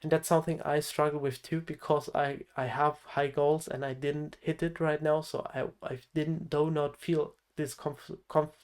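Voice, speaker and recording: A man's voice: fairly high pitch, little pitch movement, normal speed, hardly any pauses, smooth. A nineteen-year-old man, a health coach, talking straight to camera in an earnest motivational vlog. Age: teens. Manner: earnest, direct advice to the viewer.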